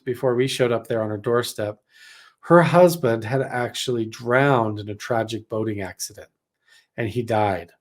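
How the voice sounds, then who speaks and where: A man from Idaho telling a personal story in a casual, rambling way, full of "like" and acted-out quotes. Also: mid-range voice. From Idaho, USA. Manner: rambling, many "like" fillers, acts out quotes. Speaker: vlogger recounting a personal experience.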